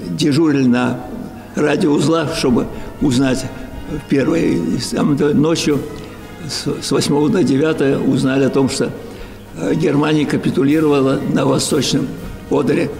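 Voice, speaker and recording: A man in his nineties recalling the past in an interview, halting, with many fillers and restarts. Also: a little high, steady tone, creaky, darkish tone, faint music behind. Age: 90s. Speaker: war veteran and professor interviewed. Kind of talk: interview recollection.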